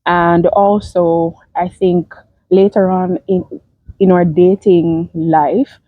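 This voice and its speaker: A woman's voice: fairly low pitch, fairly even intonation, takes it slowly, no echo, narrow, tinny audio. A young woman, co-hosting a casual chat with her partner and laughing often as she tells their story. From Jamaica. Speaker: co-host of a couple's channel.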